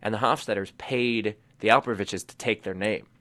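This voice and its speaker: A man's voice: fairly low pitch, brisk, sharp tone, no echo. A man, a comedian chatting as a radio guest in a rambling, self-deprecating way with lots of restarts. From New York City. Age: 20s. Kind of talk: casual radio interview chat.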